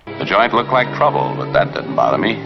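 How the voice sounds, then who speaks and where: A wry, hard-boiled private eye narrates in clipped tough-guy lines, his voice very low. It comes from an old, dull film soundtrack with music underneath. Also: big pitch swings, brisk, gravelly, full character voice. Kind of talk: 1940s film noir voice-over.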